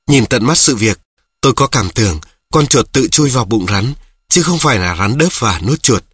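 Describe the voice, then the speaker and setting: A man reads a children's story aloud in a steady voice, now and then turning to address his listeners. His voice is husky and of middle pitch. The recording is dry and close. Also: no room sound. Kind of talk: scripted narration of a children's story.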